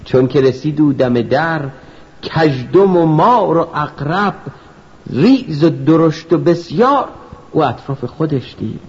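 A man narrating a children's story in rhyming verse, telling it with lively storytelling. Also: a little high. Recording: dull lo-fi recording, faint music.

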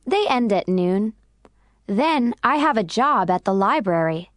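A young woman answering a street interview in textbook listening audio, as a woman reads the part. The delivery is plain and even, and the recording is dry and close. Her voice sits at a middle pitch. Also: dry recording, close to an everyday voice. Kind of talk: scripted textbook dialogue.

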